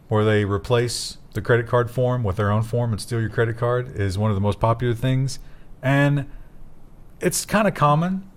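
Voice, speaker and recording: A man of middle pitch co-hosts a relaxed tech news show. He talks casually and drops wry, joking remarks between points. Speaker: co-host.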